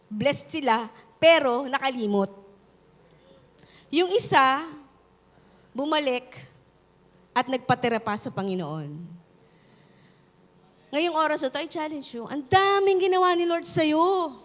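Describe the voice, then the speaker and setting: Filipino woman pastor, lively call-and-response sermon, high pitch, long church-hall reverb. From Philippines. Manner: mixes Tagalog and English, animated storytelling with call-and-response.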